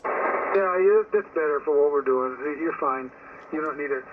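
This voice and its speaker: Received over a narrowband ham radio link, a man's fairly high voice comes through at a normal speed as he rambles casually and shares his opinions on the air as an amateur radio operator. The transmission sounds tinny, with static.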